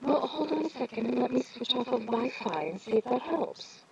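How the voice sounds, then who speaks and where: A woman's voice: fairly high pitch, animated, moderate pace, creaky, crowd noise. A woman co-hosting a stream in rambling, casual chat on her phone, her voice muffled with a whooshing sound like she is talking into a fan. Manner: rambling, with many fillers. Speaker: stream co-host and audiobook narrator.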